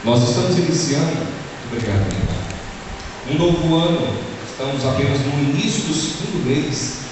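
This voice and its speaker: This Brazilian pastor from Maceió, in his thirties, preaches earnestly and directly in Brazilian Portuguese with an Alagoas accent. His voice is fairly high with lively intonation at a moderate pace. He was recorded far from the mic in an echoey church sanctuary with background noise.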